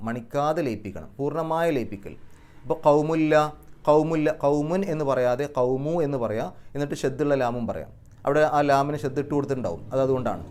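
A man teaching Quran recitation rules and Arabic grammar, explaining patiently step by step and chanting verses slowly, with a Malayali accent. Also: mid-range voice, darkish tone, smooth.

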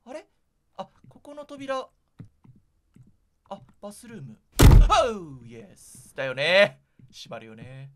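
Animated, jittery male game streamer. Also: high voice, slow, long pauses, noisy background. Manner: jittery, chatty, talking to the viewers. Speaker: gaming streamer. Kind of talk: casual gameplay commentary.

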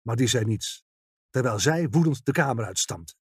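A man's voice: mid-range voice, lively intonation, normal speed, breathy edge, no room sound, clean studio sound. A man narrating a detective audiobook, reading expressively and voicing all the characters.

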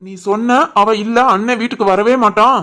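A woman's voice: on the high side, steady tone, brisk, a bit bright, close to an everyday voice. A woman voicing a stern short-tempered husband. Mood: angry. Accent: Tirunelveli Tamil. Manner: scolding, stern. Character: young husband and son, short-tempered man. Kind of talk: animated family drama voicing.

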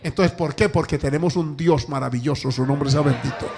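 A male pastor preaching a sermon in a lively way, acting out family dialogues for his congregation. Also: a little high, fairly quick, slight background noise.

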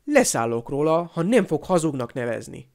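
A man's voice: fairly high pitch, darkish tone, natural voice. A man voicing an angry teenage boy wizard who snaps back with raised, sarcastic retorts.

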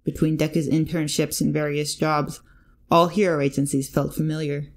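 A woman narrating a fanfic audiobook in a steady, even reading voice. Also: low-pitched, normal speed. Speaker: fanfic reader.

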